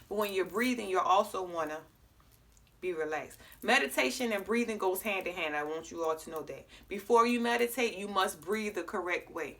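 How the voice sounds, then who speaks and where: A woman's voice: on the low side, sharp tone. A woman teaching breathing exercises in a casual, direct way, often checking in with viewers. She is a little congested and sounds slightly clogged. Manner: talks straight to viewers, checks in with frequent "okay?". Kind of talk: casual guided breathing lesson.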